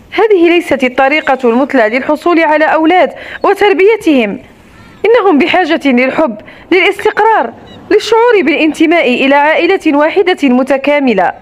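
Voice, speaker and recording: Woman voicing a bitter young wife. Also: sits high. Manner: sharp, heated reading.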